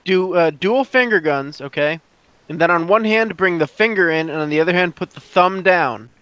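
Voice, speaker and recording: A tipsy man with a fairly high voice, walking through an explanation slowly and deliberately. The sound is dry and close, with no room echo. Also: bright, forceful tone, smooth. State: tipsy from drinking. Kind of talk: casual chat.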